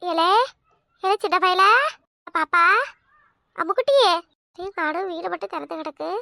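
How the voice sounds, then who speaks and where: A shrill, gravelly village mother-in-law, voiced by a woman with a Kanyakumari Tamil accent, firing off scornful insults at speed. Her voice is sharp and very high, recorded close and dry, like a cartoon comedy dub. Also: measured pace, no room sound, exaggerated voice. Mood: scolding. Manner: scornful, scolding, harsh insults.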